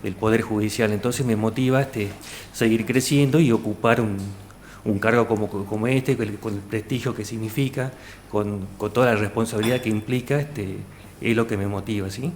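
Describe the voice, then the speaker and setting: The job candidate, a man in his thirties from Salta, Argentina, has a low-leaning, steady, darkish voice at a moderate pace. His answers to the formal panel, in Argentine Spanish with a Salta accent, are hesitant and full of fillers and restarts, and the room echoes with faint noise.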